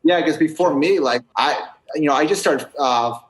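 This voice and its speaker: A man's voice: on the high side, moderate pace, rough recording. A man chatting casually as a podcast guest, slangy, peppering his talk with "like", "right" and "bro". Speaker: podcast guest, video creator. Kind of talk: casual chat.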